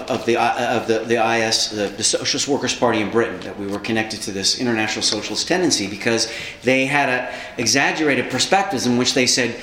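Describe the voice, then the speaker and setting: A socialist activist shares stories from his years of political organizing in a relaxed, conversational way, animatedly acting out the people he met. His voice is mid-range, with a little hiss or hum in the recording. The room is echoey, with faint ambience in the background.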